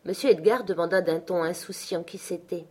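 Woman narrator for a classic novel audiobook, measured and even. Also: fairly low pitch, husky.

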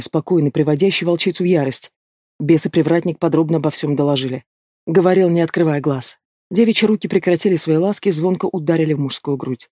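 A man giving a steady, expressive scripted narration of a fantasy novel as an audiobook narrator. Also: on the high side, no echo, clean studio sound.

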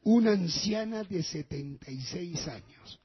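A man's voice: sits high, lively intonation, measured pace, husky, lo-fi sound. A male pastor preaching a sermon, emphatic and repetitive, often calling to his listeners as brothers.

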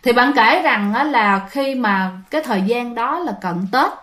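Speaking at a moderate pace, a ghost story narrator uses a fairly bright, high, expressive voice. She keeps things casual, chatty and dramatic, frequently turning to address the people listening.

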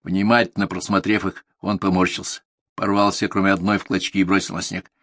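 A man calmly reading a literary story aloud as a narrator, in a measured storytelling manner. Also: low-pitched, no echo, clean studio sound. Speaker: audiobook narrator.

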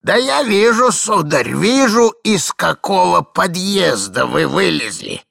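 A man voicing a fussy, frantic elderly husband who shouts in a shrill, flustered way. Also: big pitch swings, takes it slowly, vocal fry, slightly rough, no echo, clean studio sound, full character voice. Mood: indignant.

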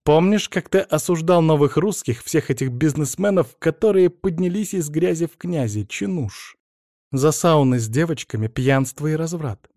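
A man reading an audiobook, voicing a proud young wife who speaks with bitter reproach, pitched up a little. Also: moderate pace, mellow, no room sound, clean studio sound, natural voice.

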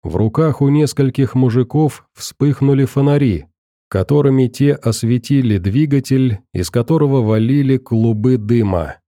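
Male audiobook narrator, very dark mellow voice, dry close sound, steady reading. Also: medium pitch, normal speed, dry recording. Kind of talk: scripted narration.

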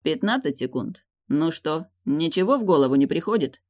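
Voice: mid-range voice, lively intonation, normal speed, darkish tone, lightly acted. A reader voicing a stubborn, ruthless young man who counts down coldly and taunts his fiancée in an audiobook.

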